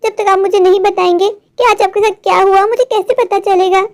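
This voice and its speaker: A woman voicing a caring, chatty wife in a cartoon, who fusses, asks questions and gently scolds. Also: very high voice, steady tone, a little fast.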